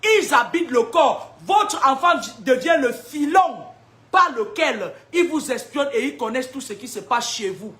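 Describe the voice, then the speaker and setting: Woman seer, high voice, combative preaching, rhetorical questions, laughs between points. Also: animated, normal speed, fairly bright tone. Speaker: spiritual seer giving prophecies. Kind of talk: preaching spiritual warnings to an audience.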